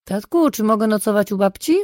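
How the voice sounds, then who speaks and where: A reader voicing a cheeky, clever teenage daughter in an audiobook. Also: female voice, mid-range voice, animated, brisk, a little mellow, no echo, clean studio sound, voice pushed up, lightly acted. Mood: pleading. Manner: teasing, pert. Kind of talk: audiobook reading.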